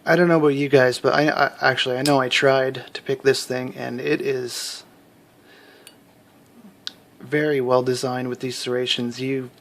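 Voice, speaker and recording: A hobby lock picker casually shows his collection to the camera at home, rambling with lots of fillers and restarts in a show-and-tell. His voice is medium-pitched with little pitch movement and a moderate pace.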